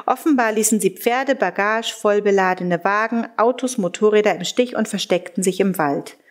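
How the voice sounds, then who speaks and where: A woman reading a wartime diary aloud in a measured, earnest way. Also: medium pitch. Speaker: reader.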